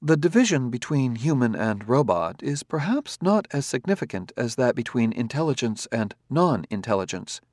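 A man's voice: mid-range voice, big pitch swings, normal speed, hardly any pauses, darkish tone, dry recording, studio quality. A man voicing a polite, formal male humanoid robot who speaks precisely, with no contractions.

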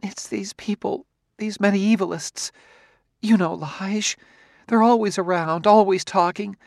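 A man's voice: high voice, dry recording, studio quality, voice pushed up. A man voicing a rambling anxious wife. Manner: rambling, circuitous, raised voice. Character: anxious chatty middle-aged wife. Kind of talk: audiobook reading.

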